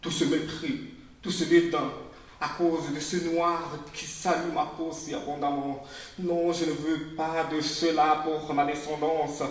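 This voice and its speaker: A man's voice: level tone, measured pace, lightly acted. A man reading aloud as a defiant, bitter young woman narrator, with insistent rhetorical repetition. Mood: impassioned. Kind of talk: literary reading. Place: public reading in a literary venue. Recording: very echoey room, voice from far off, faint rumble.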